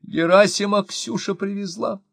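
A man voicing a fretful, shrill middle-aged wife in a storybook reading. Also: moderate pace, creaky, no room sound, studio quality. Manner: shrill, scolding, tearful complaining. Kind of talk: audiobook reading.

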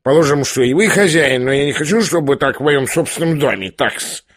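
A man's voice: fairly high pitch, expressive, a little fast, no echo, studio quality. A man voicing a tipsy, insolent middle-aged householder who is pushy and self-important, in an audiobook.

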